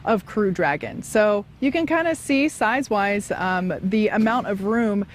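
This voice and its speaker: Light noise sits behind a woman's voice of middle pitch. She gives live, explanatory commentary as a broadcast presenter. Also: lively intonation, measured pace. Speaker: webcast presenter.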